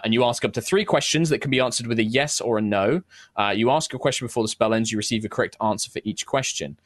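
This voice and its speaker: A man's voice: mid-range voice, a bit bright, dry recording. A man narrating and refereeing a tabletop game as the game master, explaining rules and describing scenes.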